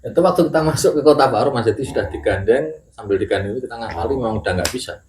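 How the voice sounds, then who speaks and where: A middle-aged man telling a ghost story in casual chat, measured and unhurried, clearing his throat now and then. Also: mid-range voice, animated. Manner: measured storytelling with pauses and occasional coughs. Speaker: guest storyteller. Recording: echoey room with faint noise.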